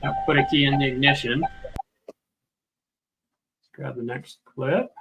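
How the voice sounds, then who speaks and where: A man's voice: medium pitch, steady tone, a little fast, gravelly, muffled recording, background noise. A man giving casual, think-aloud live commentary as a host going through video clips. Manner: thinking aloud, informal narration. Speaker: video host reviewing footage.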